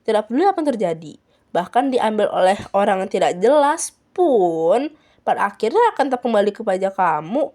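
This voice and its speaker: A woman's voice: mid-range voice, sing-song, a little fast, mellow. A woman voicing a cheeky, playful young thief with a mocking, sing-song way of talking, in a storybook reading. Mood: smug.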